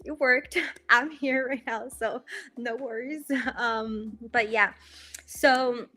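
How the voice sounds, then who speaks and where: A Brazilian student in her twenties, speaking with a Brazilian Portuguese accent, cheerfully tells her story as a guest in a casual interview, with many ums and light laughs. Her voice is fairly high and sharp, with fairly even intonation and a slow pace.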